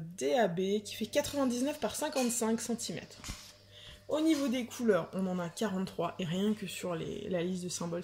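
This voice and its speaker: A young woman chatting excitedly as she unboxes a craft kit at home, often stumbling and repeating words. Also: mid-range voice, slight background noise. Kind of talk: casual unboxing chat. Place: home with a washing machine running.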